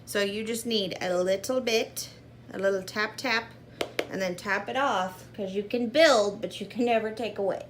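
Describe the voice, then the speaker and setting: Here a makeup vlogger in her thirties speaks at a moderate pace in a mid-range voice, keeping things casual and self-mocking as she works through a tutorial. The fixed camera, set at arm's length in her small gray-curtained room, captures a little background noise.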